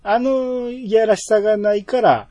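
A man's voice: sits high, measured pace, dry recording. A man co-hosting a podcast in casual, teasing banter. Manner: relaxed, teasing banter with frequent laughs. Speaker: podcast co-host. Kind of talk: casual chat.

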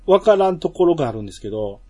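A man's voice: a little high, big pitch swings, very fast, dark tone, breathy edge, highs cut off. A man with a Kansai accent chatting casually as podcast co-host, laughing often and stretching his fillers. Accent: Kansai Japanese. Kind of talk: casual chat.

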